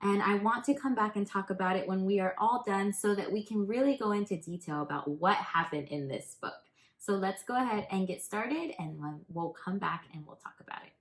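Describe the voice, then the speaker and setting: Reading to a group of children, a female teacher brings a picture book to life with dramatic, purposeful emphasis. She speaks at a medium pitch.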